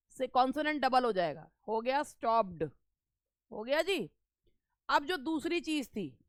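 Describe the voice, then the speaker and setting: A woman teaching an English grammar lesson for exam preparation, reading rules out slowly and then explaining them in Hindi. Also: high voice, dry recording.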